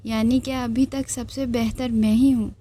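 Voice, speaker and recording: A calm, smug young man, as a woman reading a novel puts him on, teasing in an offhand, unhurried way. The voice stays a little high, with no real attempt to deepen it. An audiobook of a romance story. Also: slight background noise, natural voice.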